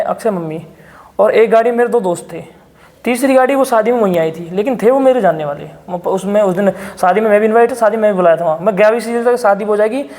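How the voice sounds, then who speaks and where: A man in an interview telling his side of events in a rapid, insistent storytelling way. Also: high voice, a little mellow, long reverb tail. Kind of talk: defensive interview account.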